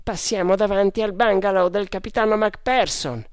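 A man's voice: high voice, fairly even intonation, moderate pace, clear, resonant tone, dry recording, pitched above the performer's own voice, close to an everyday voice. A wary oarsman calling out urgent warnings from the boat, as a storyteller puts him on. The voice jumps well above the reader's usual tone and sounds strained. The sound is dry and close. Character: wary male rower, urgent companion.

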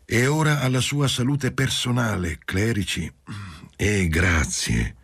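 A man reading an audiobook voicing a calm middle-aged professor who speaks in a measured, pointed way. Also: mid-range voice, gravelly, breathy edge, no room sound, studio quality, pitched above the performer's own voice. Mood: calm, allusive.

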